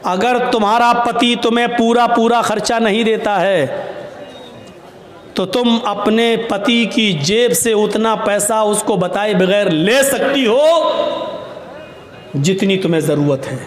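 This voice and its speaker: A male Islamic preacher delivers a sermon with animated, humorous storytelling. His voice sits high for a man. The sound carries a strong echo from the room. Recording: echoey room.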